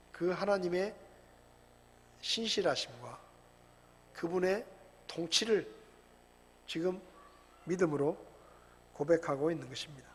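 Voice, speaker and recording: A man's voice: fairly high pitch, breathy edge. A man from Chungcheong, a pastor preaching an earnest, exhorting sermon whose volume swells and drops. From Chungcheong, Korea. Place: church sanctuary. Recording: long church hall reverb.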